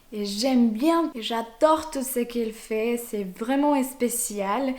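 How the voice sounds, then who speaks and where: With a fairly high, slightly mellow voice, a young Mexican vlogger talks casually to her viewers. She is a native Spanish speaker and has a Mexican accent.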